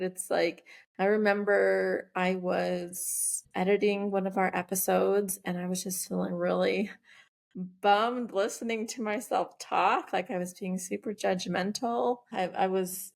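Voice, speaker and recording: A woman's voice: mid-range voice, steady tone, a little slow, gravelly. A woman co-hosting a podcast, talking in a reflective, rambling way with many fillers and restarts. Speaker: podcast co-host. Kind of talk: casual conversational chat.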